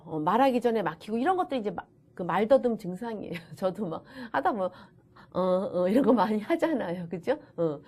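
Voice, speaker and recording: A woman giving a recorded online lecture in a chatty manner, often acting out what teachers and children say. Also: medium pitch. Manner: chatty, lively, acts out children's and teachers' lines. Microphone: camera-recorded lecture.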